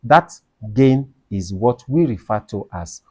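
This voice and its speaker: A man's voice: medium pitch, lively intonation, slow pace, a little mellow, dry recording. A man explaining tax law in a video lesson, asking questions and answering them emphatically, repeating his key points. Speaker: tax educator.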